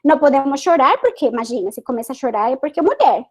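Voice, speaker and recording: An expressive woman with a high-sitting voice talks fast over a video call as a guest scientist on an online panel. Spanish is her first language and colors her Portuguese, and her earnest delivery is broken by many hesitations and fresh starts.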